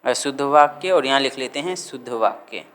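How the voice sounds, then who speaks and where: A man teaching a grammar lesson, dictating words slowly and repeating them for students to write down. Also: mid-range voice, expressive, a bit bright.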